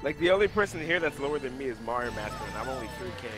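A man's voice: mid-range voice, expressive, racing, fairly bright tone, faint music behind, poor audio. A young man about to start college, chatting and teasing friends while calling out race positions in a casual gaming chat. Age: young adult.

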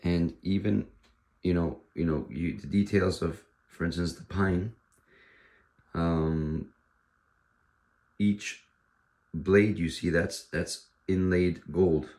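A sword dealer shows off a katana in casual show-and-tell, his low, gravelly voice hoarse as he loses it, though a little mellow. He speaks haltingly, with many fillers and restarts.

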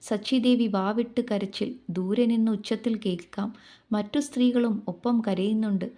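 A woman narrating a devotional story in a gentle, reverent storytelling manner. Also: mid-range voice, steady tone, moderate pace.

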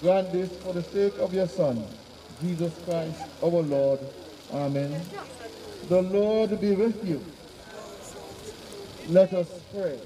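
High-voiced clergyman praying, distant outdoor recording. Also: slow, long pauses, dark tone. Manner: solemn, formal recitation. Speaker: clergyman officiating at a burial. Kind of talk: solemn graveside prayer, read liturgy. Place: outdoor cemetery on open grassy ground. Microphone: far camera behind the speaker. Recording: distant mic outdoors, gathered crowd noise.

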